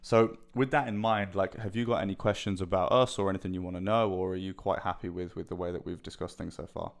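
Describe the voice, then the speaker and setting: A man giving a persuasive, business-like sales pitch over the phone, often checking that the listener agrees. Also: steady tone, fast talker, creaky. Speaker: agency sales caller.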